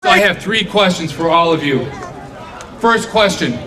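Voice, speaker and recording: A man, a union leader, making a loud, rallying speech. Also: high-pitched, a little slow. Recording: distant mic, very noisy crowd.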